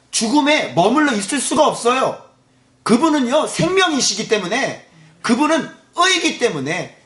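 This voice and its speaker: Animated high-voiced preaching pastor. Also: male voice, roomy sound. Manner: animated preaching with rhetorical questions to the congregation. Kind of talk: Sunday morning sermon. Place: church sanctuary.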